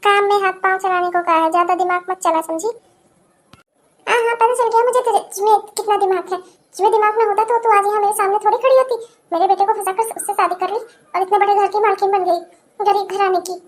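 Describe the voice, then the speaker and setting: A woman's voice: very high-pitched, steady tone, brisk. A woman voicing a taunting, scornful middle-aged mother-in-law in a cartoon. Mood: scolding. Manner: taunting, scolding.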